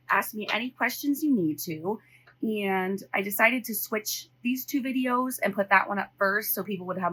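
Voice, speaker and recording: A middle-aged American woman, a budgeting vlogger, counts cash in her home office while chatting unscripted to viewers and thinking aloud. Her medium-pitched voice sounds pushed and bright, and the audio is poor.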